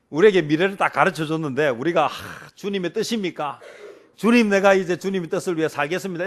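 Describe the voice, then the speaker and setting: A man preaching a sermon as pastor, asking the congregation rhetorical questions and acting out the prayers he quotes. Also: fairly high pitch.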